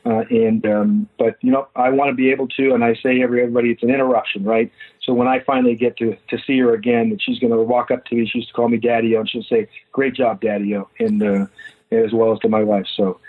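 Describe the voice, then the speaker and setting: Guest, man in his 50s, husky, halting delivery, tinny phone line. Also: mid-range voice. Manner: halting, many fillers and restarts. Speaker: guest, foundation founder. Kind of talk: phone-in interview.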